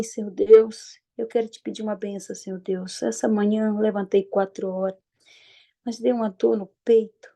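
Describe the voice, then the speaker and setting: An older woman praying aloud with fervent pleading, her voice trailing off softly at the end of each phrase. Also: a little high, gravelly. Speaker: prayer group member. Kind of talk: spontaneous spoken prayer.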